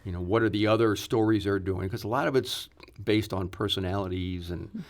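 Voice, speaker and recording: A man's voice: on the low side, fairly quick. A man speaking as a fire chief in a conversational, informal interview.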